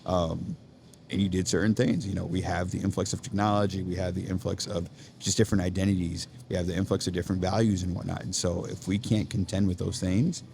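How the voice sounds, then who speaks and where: In a coffee shop, an education nonprofit leader gives a casual podcast interview, speaking earnestly and thinking aloud with frequent "right?" check-ins. His low, gravelly voice moves quickly with a flat delivery, and there's background noise.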